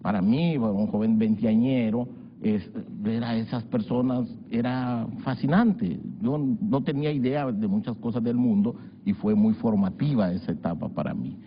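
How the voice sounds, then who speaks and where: A man from El Salvador in his sixties, a journalist guest recounting his life in a measured, reflective way with frequent hesitations. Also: fairly low pitch. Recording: dull lo-fi broadcast audio with faint hiss.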